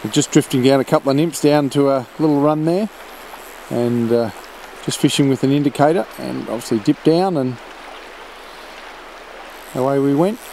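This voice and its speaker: Male outdoor host, average pitch, casual and hesitant, recorded on a river with clear water noise. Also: warm tone, poor audio. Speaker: fishing trip host. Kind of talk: casual outdoor vlog narration. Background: rushing water and boat sounds.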